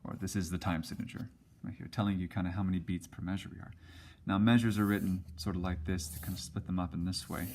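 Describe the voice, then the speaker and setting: Low-voiced guy teaching music basics, lots of ums, casual and a bit halting. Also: steady tone, gravelly, darkish tone, a little hiss or hum. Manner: casual, hesitant with many ums and restarts. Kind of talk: whiteboard music lesson.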